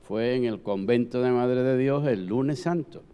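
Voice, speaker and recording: A man's voice: mid-range voice, measured pace, clean tone, muffled recording. An older man reminisces reflectively and emphatically in a round-table talk, often checking for agreement. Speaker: panel guest, former Holy Week proclamation speaker. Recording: long hall reverb.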